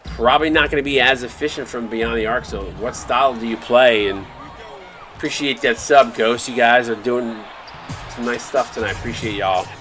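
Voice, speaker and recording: With music underneath, a man in a mid-range voice calls the play-by-play for a simulated basketball league stream at a normal pace. He stays upbeat and thanks viewers by name between plays.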